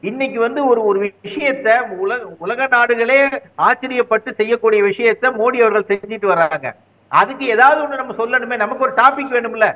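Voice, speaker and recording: A man's voice: very high voice, a little fast, muffled recording. A man speaking as a guest commentator in a heated political interview, arguing his side with repeated rhetorical questions.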